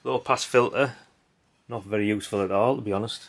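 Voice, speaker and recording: Brisk and creaky, this middle-aged man's lowish voice holds a fairly even intonation. He's a hobbyist host offering dry, blunt, rambling chatter as he sorts old electronics, complete with tag questions and mild swearing. Handled parts click and clatter over background noise.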